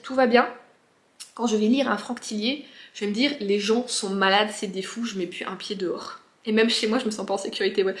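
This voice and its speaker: Chatty woman in an echoey room. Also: fairly high pitch. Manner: chatty, rambling, self-interrupting. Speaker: book and lifestyle vlogger answering viewer questions. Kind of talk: casual chat to viewers. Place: echoey home office, indoors.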